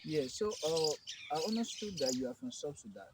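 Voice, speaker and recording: A Liberian man with a Liberian English accent hosting a live educational program, asking his guest questions in a deliberate, emphatic manner. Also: a little high, expressive, creaky, very noisy. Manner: slow, emphatic announcer delivery, then conversational questioning. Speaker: host. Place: Kenyan university campus.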